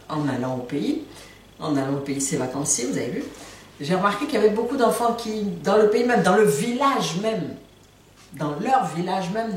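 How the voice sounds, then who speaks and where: A woman with a low, lively voice gives a relaxed language lesson, playful and joking, repeating words for her learners. She sits some way from the mic in a strongly echoing room, with faint noise underneath. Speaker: language teacher. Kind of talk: casual video lesson. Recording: very echoey room, far from mic.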